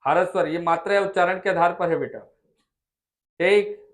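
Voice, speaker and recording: A man with a Chhattisgarh Hindi accent teaching a class in a fairly high voice. He sounds out each vowel again and again. He keeps coaxing his students and asking whether they have understood. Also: moderate pace. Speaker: Hindi tutor. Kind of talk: classroom lesson.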